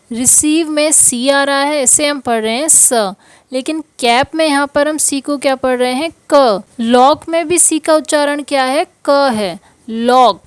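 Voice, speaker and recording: Slow, careful woman teacher. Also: fairly high pitch, no echo. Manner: spells out letters one by one, repeating each sound. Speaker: English teacher. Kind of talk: slow explanatory lesson.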